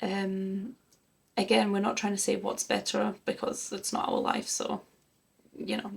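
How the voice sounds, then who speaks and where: A woman raised in Germany co-hosts a music reaction channel, musing aloud in a sincere, relaxed manner. Her voice sits at medium pitch with an even tone, and she talks a bit slowly with a gravelly, somewhat rough quality.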